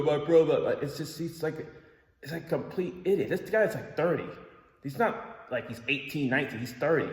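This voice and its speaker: Male vlogger, mid pitch, rambling profane storyteller, roomy echo with a long tail. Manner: rambling, profane, exasperated retelling. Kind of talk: casual storytelling vlog. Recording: echoey room with long reverb.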